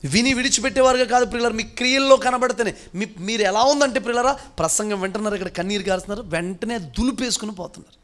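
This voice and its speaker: A man preaching as a pastor, firing repeated questions and swinging between loud emphasis and hushed, slow lines. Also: high voice. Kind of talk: sermon.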